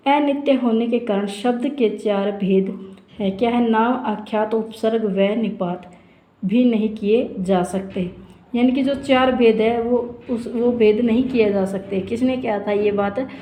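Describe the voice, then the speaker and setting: A woman with a fairly high, mellow voice explains points of Sanskrit grammar in a lecture for exam preparation. She keeps asking herself questions and then answering them. The room around her rings with echo. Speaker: Sanskrit teacher.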